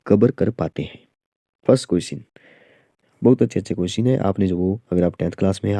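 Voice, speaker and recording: A man teaches exam maths in an unhurried, stepwise way, with plenty of filler sounds. His voice is low and very mellow. The recording is close and dry. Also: no echo. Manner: explains slowly with many fillers and "theek hai". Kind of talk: online exam-prep lesson.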